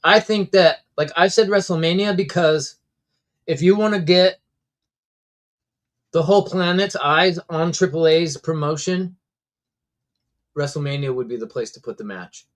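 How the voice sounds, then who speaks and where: A man's voice: on the high side, unhurried, long pauses. A man hosting a casual livestream, giving wrestling commentary and opinions while talking back to his viewers in a conversational way. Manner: opinionated, conversational, reads out and answers chat comments. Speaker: livestream host reacting to wrestling. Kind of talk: casual live-stream commentary, chatting with viewers.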